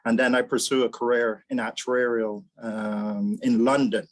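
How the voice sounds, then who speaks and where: On a video call panel, a Barbadian actuary executive serving as a mentor talks casually, often repeating words as he thinks. His voice sits in the mid-range with little pitch movement, and he speaks at a moderate pace.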